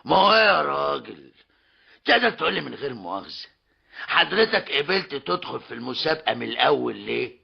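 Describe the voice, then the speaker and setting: A man's voice: a little high, sing-song, fast, creaky, husky, full character voice. An actor playing a stubborn, scheming older tradesman and father in an old radio comedy drama, mocking and theatrical, with an Egyptian Arabic accent. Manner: mocking, theatrical, keeps repeating a polite tag. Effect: old lo-fi radio drama recording. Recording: dull lo-fi old radio recording.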